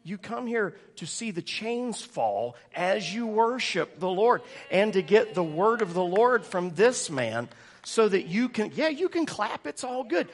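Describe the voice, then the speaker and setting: A pastor, telling funny stories and laughing often. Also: male voice, high-pitched, big pitch swings, unhurried. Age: 40s. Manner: joking, storytelling, laughing often. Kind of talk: sermon.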